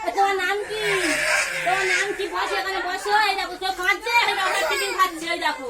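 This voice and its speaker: A woman's voice: extremely high pitch, fairly even intonation, fast. A woman teacher in a busy classroom, coaxing and scolding a crying child with repeated commands. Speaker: school teacher. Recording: loud classroom crowd noise. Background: children crying and chattering.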